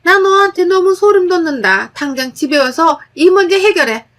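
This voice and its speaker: A woman doing a shrill, domineering older mother-in-law, pitched high and loud, storybook reading. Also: animated, moderate pace. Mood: scolding. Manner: berating, loud, accusing.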